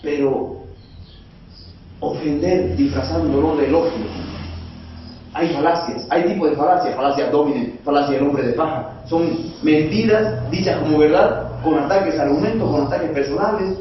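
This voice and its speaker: A man's voice: fairly high pitch, normal speed, slight background noise. A male preacher, giving a conversational sermon and asking the congregation rhetorical questions. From Bolivia. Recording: echoey, dull sound from far off.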